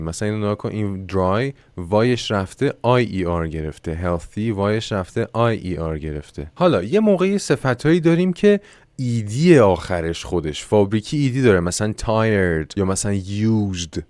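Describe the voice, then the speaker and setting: معلم زبان مردی با صدای بم. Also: male voice, fairly low pitch, darkish tone, no room sound. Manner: explains grammar in Persian, reading English examples slowly; self-mocking aside. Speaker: English teacher. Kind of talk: online English lesson.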